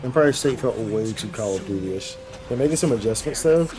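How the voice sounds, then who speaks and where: This game streamer and host has a lowish voice with lively intonation, talking a bit quickly over background music. His livestream chat while gaming is casual and full of slang, and he often repeats phrases for emphasis.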